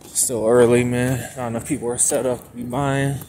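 A man's voice: mid-range voice, level tone, brisk, darkish tone, slight background noise. A man in his twenties chatting casually and swearing a little as he vlogs from a phone held at arm's length. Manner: laid-back, casual with mild swearing. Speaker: vlogger selling at a flea market. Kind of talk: casual vlog chat.

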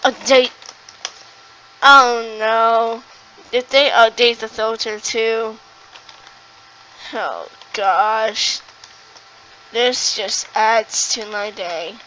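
A woman's voice: a little high, extremely slow, long pauses, a bit bright, lo-fi sound. A woman creator acting out a comedic skit with exasperated, dramatic complaining. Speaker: video creator. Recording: faint background noise.

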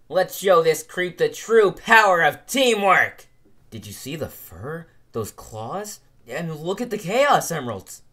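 Cocky cartoon hedgehog hero, male, bright and bouncy; a woman voices him. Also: low-pitched, heavily acted. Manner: cocky, teasing one-liners.

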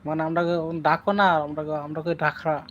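A man's voice: a little high, flat delivery, normal speed, a bit bright, lo-fi sound, a little hiss or hum. A man chatting casually on a live stream, answering viewers' comments and playfully slipping into dialect phrases.

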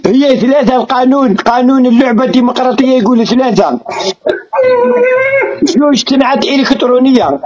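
Algerian man, live stream host, teasing and pleading. High voice, muffled audio, crowd behind. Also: a little fast. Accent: Algerian Arabic. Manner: teasing and pleading, repeats himself. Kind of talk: casual chat on a live stream.

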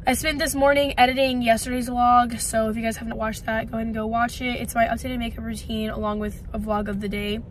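A vlogger in her twenties, congested and with her voice partly gone, rambles chattily with lots of "likes" to a phone camera held at arm's length in a parked car. Her voice is a little high and level, she talks fast with hardly any pauses, and there's slight background noise.

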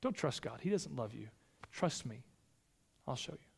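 Guy doing a sneaky snake devil, low and hushed, coaxing real slow. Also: sing-song, vocal fry, breathy edge, long reverb tail, full character voice. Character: sly tempting male serpent devil.

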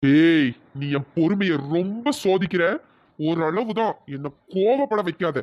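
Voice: mid-range voice, normal speed, close to an everyday voice. A voice performer playing a brash young man who boasts and pushes a girl for her phone number, with a bossy manner. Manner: bossy and threatening, then pleading. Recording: dull lo-fi voice track.

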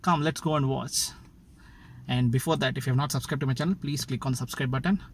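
A man's voice: mid-range voice, steady tone, fast, a little hiss or hum. Chatty young Indian man vlogging from his car. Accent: Indian English. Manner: friendly, chatty, with frequent "uh" fillers. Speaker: travel vlogger. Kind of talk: casual travel vlog. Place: inside a parked car. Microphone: phone camera at arm's length.

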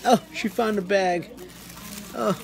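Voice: mid-range voice, steady tone, takes it slowly, gravelly. A parent vlogging at home while minding their baby, using playful sing-song baby talk and whispered asides. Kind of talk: casual home vlog. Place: home living room.

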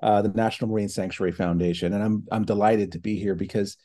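A middle-aged man speaks over a laptop video call from a home office, his voice low and mellow. He talks in a relaxed, thoughtful way, pausing with fillers and circling back to restart his phrases. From New Hampshire and Ohio, United States. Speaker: guest, foundation president. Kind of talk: casual online interview.

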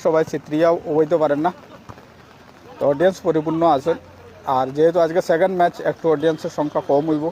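A man with a high-pitched voice and a Sylheti accent gives live football commentary from outdoors. He switches between casual chat with viewers and excited, drawn-out calls of the play. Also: dull audio, a little hiss or hum. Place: outdoors by a roadside at a football ground.

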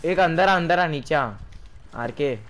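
A young man with an Indian accent giving quick, excited callouts to a teammate during a shooter game, often laughing, on a headset mic. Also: fairly high pitch. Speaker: gaming streamer. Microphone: gaming headset. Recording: noisy game audio behind.

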